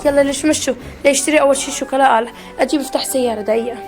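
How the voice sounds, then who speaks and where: Young woman hosting a family vlog, rapid-fire and doting, over background music. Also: high-pitched, steady tone.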